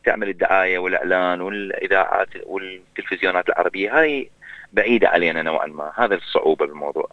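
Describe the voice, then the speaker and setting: Iraqi male singer, interview guest, low voice, hesitant fillers, heard over a thin dry phone line. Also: dry recording. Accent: Iraqi Arabic. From Iraq. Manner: hesitant, restarts with drawn-out fillers. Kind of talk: casual interview talk.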